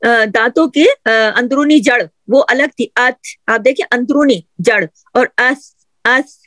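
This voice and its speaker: A woman's voice: a little high, dry recording. A woman teaching Quran pronunciation, patiently drilling letter sounds and often checking that her learners follow. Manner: repeats sounds for drilling, asks "theek hai?" often; gently encouraging, addresses female learners. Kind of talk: patient tajweed lesson on letter articulation.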